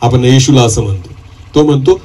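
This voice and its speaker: Husky-voiced male preacher, rising bursts. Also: mid-range voice, brisk, dark tone, low-quality recording. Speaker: pastor. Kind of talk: sermon.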